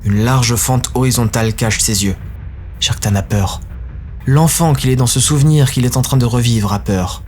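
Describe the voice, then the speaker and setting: A man narrating a dark science-fiction audio story in a grave, intense manner. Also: medium pitch, normal speed, a little hiss or hum.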